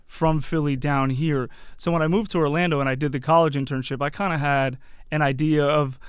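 A man around his forties, from Yardley, Pennsylvania and New Jersey in the USA, chats casually and tells anecdotes as a podcast guest. His voice is on the high side, steady, a little fast, and clean in tone. He's recorded on a close broadcast mic on a boom arm in a small curtained podcast studio, with clean, echo-free sound.

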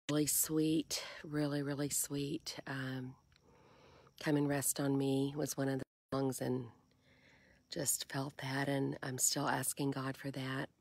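An older woman speaks softly and musingly, often dropping to a breathy half-whisper. Her voice sits very low and stays flat, with a husky edge. She talks slowly, like a quiet devotional vlog recorded on a phone held at arm's length outdoors. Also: no room sound. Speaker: faith vlogger. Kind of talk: casual devotional vlog and prayer. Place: on a kayak on a lake outdoors.

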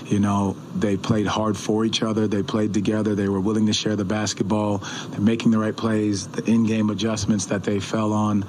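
A man in his forties, a head coach, answering questions at a postgame press conference in an arena press room, measured and often restarting his words. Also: lowish voice, level tone, darkish tone, a little hiss or hum, low-quality recording. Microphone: table mic on a stand.

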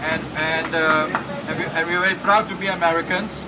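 A man from Singapore giving a humorous, emotional speech at an outdoor rally, with halting restarts. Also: a little high, flat delivery, very noisy. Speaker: village councilman. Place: outdoors on building steps in a crowd. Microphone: handheld mic, filmed by a phone from far off. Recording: distant phone video of a crowded street rally.

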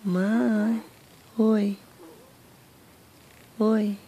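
Slow, cooing mother in baby talk. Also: mid-range voice, flat delivery, breathy edge. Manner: cooing, slow and sing-song, drifting soft and hushed. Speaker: mother talking to her baby.

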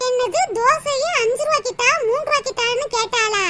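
A woman's voice: a little fast, heavy background noise. A woman voicing Rani, a chatty and dramatic village woman in a cartoon comedy, speaking with a Tirunelveli Tamil accent and plenty of exclamations. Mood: fussing. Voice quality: shrill, exclaiming, scolding. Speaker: Rani akka.

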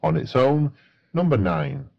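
A man's voice: mid-range voice, sing-song, unhurried, vocal fry, highs cut off. A man working as a bingo caller, announcing numbers in set phrases with a matter-of-fact delivery.

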